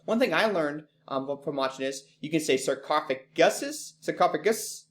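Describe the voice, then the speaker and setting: A man teaching an online class, talking casually with many ums and quick apologies for slips. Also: fairly high pitch, lively intonation.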